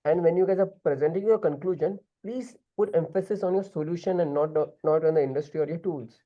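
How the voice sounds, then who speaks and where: A man's voice: on the high side, fairly quick, lo-fi sound. A man with an Indian accent giving direct group discussion feedback as an interview prep mentor, switching now and then into Hindi.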